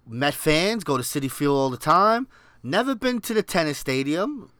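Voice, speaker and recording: A man with a Queens, New York accent speaks in a bright, forceful voice pitched a little high. He chats casually like a podcast co-host spinning a story, recorded close and dry. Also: animated, moderate pace, clear, resonant tone, dry recording. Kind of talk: casual chat, animated storytelling.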